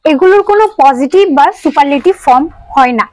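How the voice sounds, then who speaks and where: High-voiced woman teaching grammar. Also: lively intonation, brisk, a little mellow, no echo, rough recording. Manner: explains step by step, asks students questions; mixes English terms into speech. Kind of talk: online grammar lesson.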